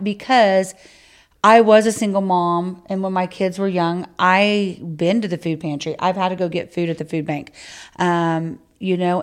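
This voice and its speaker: A middle-aged woman co-hosting a podcast, chatting casually and heartfelt, rambling with many fillers. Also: fairly low pitch. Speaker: podcast co-host. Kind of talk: casual chat.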